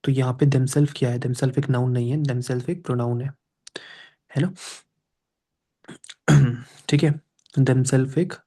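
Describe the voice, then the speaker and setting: A man teaching a class, with a very dark, warm, mellow voice at an ordinary pitch. He walks through grammar points step by step, switching between Hindi and English phrases. He keeps turning to his students with quick checking questions.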